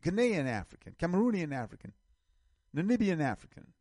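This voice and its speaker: A man's voice: fairly high pitch, very animated, brisk, darkish tone, no echo, clean studio sound. A middle-aged man from the United States hosting an online show, giving casual commentary while reading an article, emphatic and repeating phrases as he builds lists.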